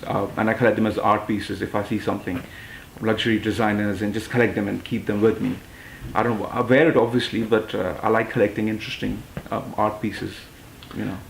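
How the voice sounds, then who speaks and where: Gravelly, flat-voiced young man in an echoey room. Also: lowish voice, moderate pace, slight background noise. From London, England. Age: 20s. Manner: hesitant, many fillers and restarts. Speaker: pageant titleholder and model. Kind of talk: interview answers.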